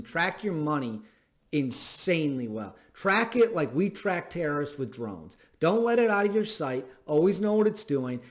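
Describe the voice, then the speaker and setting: Emphatic thirty-year-old male show host. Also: on the high side. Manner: emphatic, plainspoken, repeats phrases for stress. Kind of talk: opinion commentary monologue to camera.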